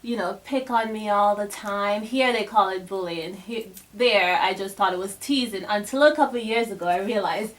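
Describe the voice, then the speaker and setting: A woman's voice: mid-range voice, normal speed, few pauses, low-quality recording. A young woman giving a casual motivational talk to a group of girls, chatty, with many fillers and restarts. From Bahamas. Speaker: guest speaker to a girls' group.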